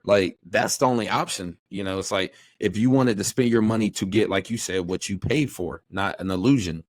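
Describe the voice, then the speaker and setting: A man talking casually on a podcast, rambling and animated, often slipping into quoted voices. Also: fairly low pitch, moderate pace. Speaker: podcast co-host.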